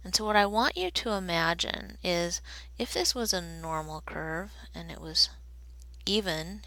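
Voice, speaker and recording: Sketching graphs for a recorded statistics lesson, this woman explains every step at a slow, deliberate pace. She has a fairly low, creaky voice with a bit of brightness, captured in a dry, rough recording.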